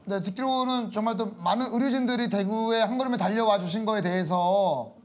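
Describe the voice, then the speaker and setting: Fast, high-voiced male co-host. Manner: polite. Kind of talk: conversational interviewing. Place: indoor studio, seated.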